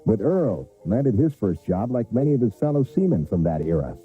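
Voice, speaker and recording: A male TV news reporter narrating a scripted feature story in a measured, storytelling delivery. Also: on the low side, big pitch swings. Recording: tinny VHS broadcast with music.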